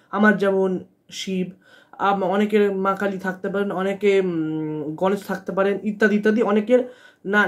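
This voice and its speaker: A man with a notably high voice talks through devotional advice in an earnest, reassuring way. He circles back and repeats key points, restarting phrases as he goes. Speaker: spiritual channel host.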